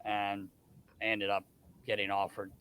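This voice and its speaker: As a guest on a podcast, a middle-aged man who works as a hockey scout chats casually and spins animated stories, performing what others said and frequently restarting. His voice sits on the low side, smooth and at a measured pace.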